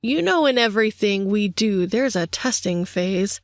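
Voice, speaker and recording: A woman's voice: mid-range voice, animated, normal speed, no room sound, clean studio sound, close to an everyday voice. A woman voicing a power-hungry vampire man who taunts his younger brother in a sing-song way. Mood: menacing.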